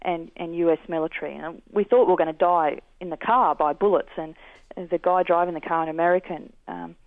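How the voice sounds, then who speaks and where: An Australian man, a guest in an interview, telling his experiences in an earnest, measured way. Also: fairly high pitch, fairly even intonation, creaky, no room sound. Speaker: guest, peace activist. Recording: tinny dry phone line.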